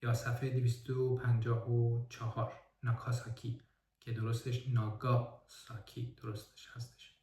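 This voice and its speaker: A man's voice: mid-range voice, warm tone, far from the mic. Man reviewing a book in a roomy echo. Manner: careful, correcting himself and spelling out words. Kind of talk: casual spoken book review.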